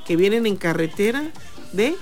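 A woman's voice: mid-range voice, normal speed, faint music behind. A Mexican woman co-hosting a sports radio show in a booth, announcing the time and steering the talk. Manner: lively, leads the conversation and asks co-hosts questions. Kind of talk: radio talk about baseball.

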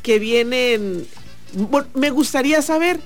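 A woman's voice: high voice, measured pace, soft background music. A Mexican woman co-hosting a sports radio show in a booth, announcing the time and steering the talk. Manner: lively, leads the conversation and asks co-hosts questions. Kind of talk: radio talk about baseball.

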